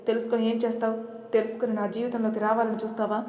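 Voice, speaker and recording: A woman's voice: a little high, flat delivery, fast talker, dark tone, lightly acted. A woman voicing a jealous, angry young husband who talks harshly and threatens. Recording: echoey room.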